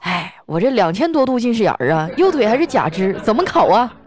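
A woman's voice: fairly high pitch, very animated, fairly quick. A woman voicing a brash, reckless male van driver who boasts with swagger while she reads out a joke.

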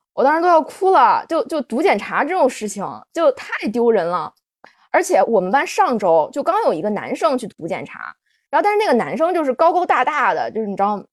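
Host note: a woman telling her life story, lively swinging pitch, dry close sound. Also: no room sound. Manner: animated, confessional, many fillers. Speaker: podcast host. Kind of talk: personal storytelling on a livestream.

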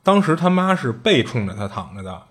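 Husky-voiced man spinning an eerie tale. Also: medium pitch, very animated, fairly quick, a bit bright. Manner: chatty, colloquial, with frequent restarts and asides. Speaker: storyteller. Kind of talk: casual retelling of strange tales.

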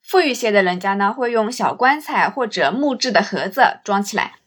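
A woman's voice: mid-range voice, animated, normal speed, a bit bright, husky. A woman with a mid-range voice tells a first-person travel story from a script. Her delivery is that of a reflective host, with literary phrasing.

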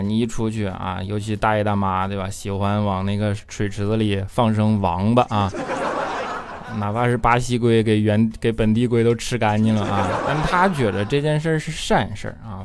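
A man's voice: fairly low pitch, a little fast, creaky, background noise. A man hosting his own comedy talk show, teasing and chuckling as he talks. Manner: joking, teasing, chuckles often.

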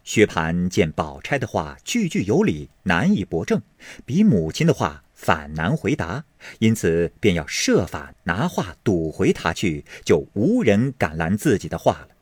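A man narrating a classic novel as an expressive, dramatic audiobook storyteller. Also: low voice, measured pace, husky, no echo.

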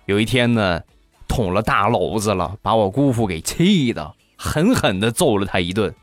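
A man hosting a comedy podcast, telling funny stories in an animated way and acting out each character. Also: fairly low pitch, moderate pace, no room sound, faint music behind. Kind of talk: comic storytelling.

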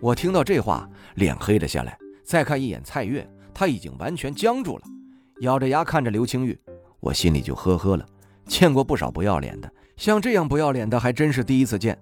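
A man narrating a novel in the first person, wry and expressive. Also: mid-range voice, fairly quick, faint music behind. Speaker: audiobook narrator.

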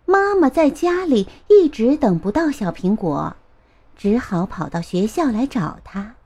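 A woman narrating a children's storybook in a gentle, expressive way. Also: on the high side, unhurried.

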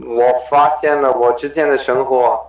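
A man's voice: medium pitch, steady tone, normal speed. A man who is a foreigner speaking Mandarin with a foreign accent in a conversational interview, searching for words and mixing in English terms. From abroad, not China. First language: not Mandarin. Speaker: triathlete, podcast guest. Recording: roomy echo, dull lo-fi sound.

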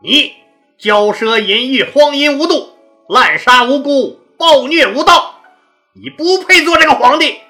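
A woman's voice: sits high, expressive, unhurried, faint music behind, voice pushed up, heavily acted. A woman doing a brash, barking male official. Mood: denouncing. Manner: loud, barking, scolding.

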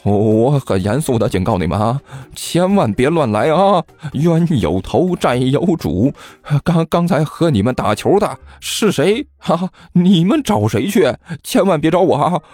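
A man's voice: on the high side, sing-song, measured pace, few pauses, darkish tone, no echo, pitched above the performer's own voice. A man voicing a chubby teenage boy who stammers and blusters in an audiobook. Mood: blustering. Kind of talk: audiobook character voice.

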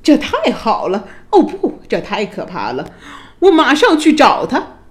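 A woman storyteller voicing a proud, quick-tempered young prince in a storybook tale, in an exclaiming, huffy manner. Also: a little high, wildly swooping pitch. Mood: excited.

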